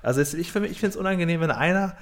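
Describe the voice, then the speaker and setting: A man's voice: a little high, very fast. A man on a podcast panel in casual chat, rambling through opinionated complaints.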